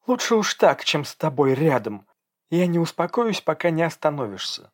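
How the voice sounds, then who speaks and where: A man voicing a furious, defiant young pregnant woman who shouts and pleads in a raised voice. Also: on the high side, big pitch swings, normal speed, voice pushed up. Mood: shouting.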